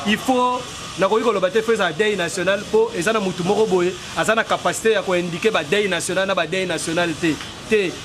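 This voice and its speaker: A man in his forties with a high-sitting voice talks fast in an earnest street interview, mixing French and Lingala and building to emphatic, rhetorical declarations. He's outdoors on a city street, and the recording picks up the noise of passing traffic.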